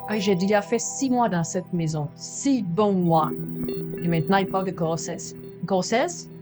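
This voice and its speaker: A woman's voice: medium pitch, a little slow, music in the background, lightly acted. A woman voicing a young woman trapped in a pretend marriage who complains with exasperation. Her voice sits in a middle register. A light film score plays behind her. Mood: exasperated. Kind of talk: French film dub.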